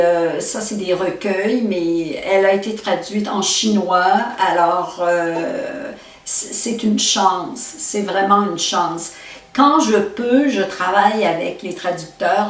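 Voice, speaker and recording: A woman poet from Quebec with a Québécois accent, answering interview questions in a thoughtful way and often pausing to search for words. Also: mid-range voice. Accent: Québécois French. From Quebec, Canada. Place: poetry festival. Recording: roomy echo, mic at a distance.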